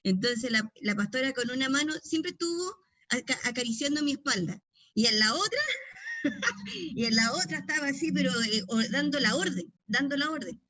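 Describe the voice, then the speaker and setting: A woman's voice: high voice, animated, a little fast, bright, forceful tone, no room sound. A middle-aged woman pastor with a Chilean accent, teaching a deliverance session in a conversational storytelling way with frequent tag questions.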